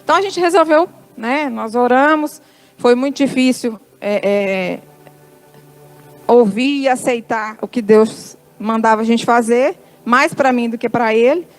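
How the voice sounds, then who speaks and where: A high-pitched, middle-aged woman with a Brazilian Portuguese accent tells her testimony to a church. She slips into soft voices for the quoted dialogue as the story goes on. Faint music plays beneath her. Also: measured pace, rough recording. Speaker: church speaker giving testimony.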